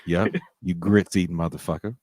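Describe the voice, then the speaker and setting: A man's voice: deep voice, steady tone, normal speed, darkish tone, a little hiss or hum. A man talking brashly in casual podcast chat, joking and swearing freely. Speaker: guest.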